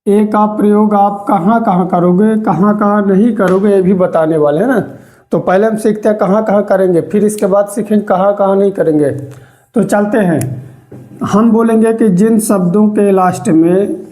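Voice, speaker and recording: A teacher giving a grammar lesson, repeating key words slowly and checking in with the listener. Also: medium pitch, steady tone, dark tone. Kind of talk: slow spoken grammar lesson.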